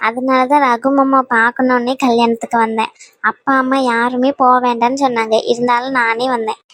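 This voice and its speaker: A woman plays an eager young cousin in a cartoon, chatting keenly with her relatives. Her voice is high, and the recording is dry and close. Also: little pitch movement, brisk, a bit bright, no room sound, lightly acted. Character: young woman, cousin still keen on her uncle's son.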